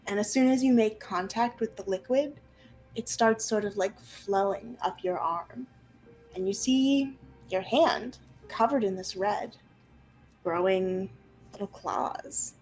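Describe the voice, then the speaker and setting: A young woman narrating an online tabletop roleplaying game as game master, improvising her descriptions haltingly. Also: mid-range voice, a little mellow, rough recording. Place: room at home, on a group video call. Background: faint music.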